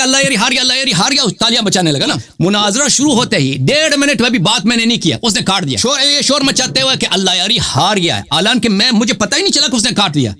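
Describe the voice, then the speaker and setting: Insistent high-voiced man debating. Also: sharp tone. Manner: insistent, talks over interruptions, repeats phrases. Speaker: religious debater and channel host. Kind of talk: heated live debate on a call.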